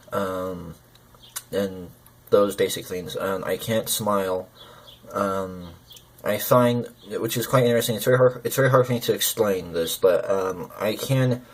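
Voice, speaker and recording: A man talking personally to camera, hesitant and halting, with slurred lip consonants as if numb from the dentist. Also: lowish voice. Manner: hesitant, halting, searching for words. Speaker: gaming video creator.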